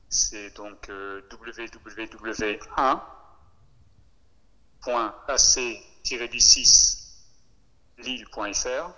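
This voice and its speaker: A man heard through a phone on speakerphone, giving a formal briefing to trainee teachers and pausing often with fillers. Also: medium pitch, pushed and bright. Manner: hesitant, with many filler pauses. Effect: heard over a phone on speakerphone. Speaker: education official addressing trainee teachers. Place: relayed into a meeting room over a speakerphone. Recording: phone on speakerphone with long room reverb.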